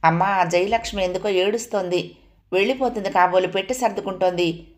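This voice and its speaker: A woman's voice: mid-range voice, a little fast, lightly acted. A woman doing an anxious, caring young daughter. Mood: worried. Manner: worried, questioning.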